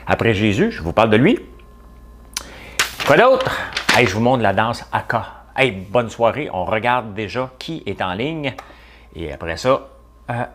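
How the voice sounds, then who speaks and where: A middle-aged man with a Quebec French accent, hosting a casual livestream and chatting with viewers by name. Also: fairly low pitch. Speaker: livestream host reading viewer comments. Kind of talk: casual live chat.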